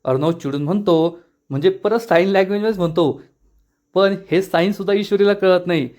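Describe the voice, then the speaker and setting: Male episode reviewer with a high voice, steady storytelling recap narration. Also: brisk. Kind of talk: retelling a TV episode.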